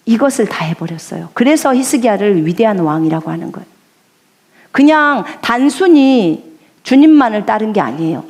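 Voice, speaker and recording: A woman's voice: mid-range voice, a little mellow. A woman missionary preaching a sermon in an emphatic way, repeating her key lines for weight.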